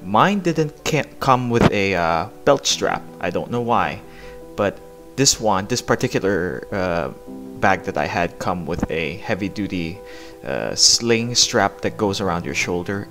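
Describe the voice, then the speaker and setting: A man narrating a hands-on product review in a plain-spoken, explanatory way. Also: low voice.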